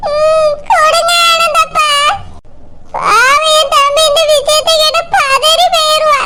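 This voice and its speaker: A woman voicing a tearful elderly village mother-in-law in a cartoon, wailing and shouting through tears. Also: very high-pitched, level tone, slow. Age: older. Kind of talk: cartoon village comedy voice acting. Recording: loud background noise.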